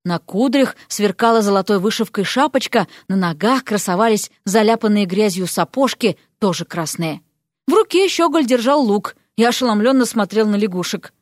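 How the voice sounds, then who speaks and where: A woman narrating a fairy-tale audiobook in a lively, playful way. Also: mid-range voice, normal speed, dry recording, studio quality.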